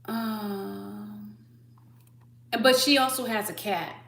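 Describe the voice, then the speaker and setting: Animated woman chatting on a livestream. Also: medium pitch, extremely slow, vocal fry. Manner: animated storyteller who acts out voices. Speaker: livestream host. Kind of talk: casual chat. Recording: echoey room with faint hum.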